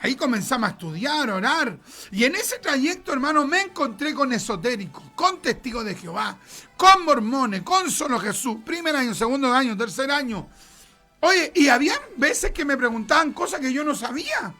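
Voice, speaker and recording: A man's voice: very high voice, big pitch swings, normal speed, bright, forceful tone, soft background music. A middle-aged man with a Chilean accent preaching a sermon, emphatic, repeating words for stress and acting out conversations. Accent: Chilean Spanish.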